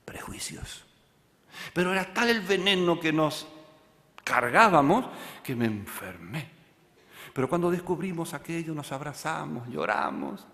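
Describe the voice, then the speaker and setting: A pastor, preaching a sermon and telling a story that he acts out, moving from loud passages to hushed ones. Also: high-pitched, in a large hall.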